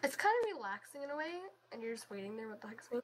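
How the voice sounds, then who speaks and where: Bright-voiced woman guest, excitable rambler, slight background hiss. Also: on the high side, rapid-fire, rough recording. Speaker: guest co-host. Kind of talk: casual game tour chat.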